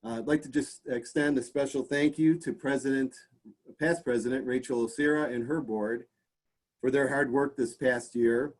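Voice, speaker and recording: A man hosts a club ceremony and introduces each speaker. He talks haltingly and stumbles through fillers, in an ordinary mid-range voice. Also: medium pitch, fairly even intonation. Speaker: club president and meeting host.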